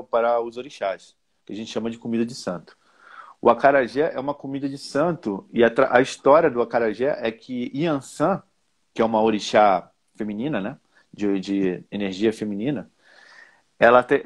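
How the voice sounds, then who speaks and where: A man's voice: medium pitch, slightly rough. A Brazilian man hosting a casual chat, asking questions, correcting words and telling a long explanatory story. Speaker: host teaching Portuguese. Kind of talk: casual conversational interview.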